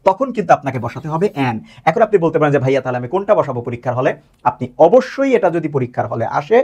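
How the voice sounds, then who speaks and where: A male teacher explains grammar to his students in a quick, animated voice that jumps up and down in pitch. His voice is slightly husky, and he keeps posing questions, then answering them himself, repeating key words to drive them home. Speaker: English teacher.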